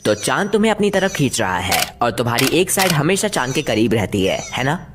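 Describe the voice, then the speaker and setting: A woman voicing a knowing, patient male gas giant, lecturing assertively, in an educational animated comedy dub. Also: extremely low pitch, brisk, background noise. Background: faint background music.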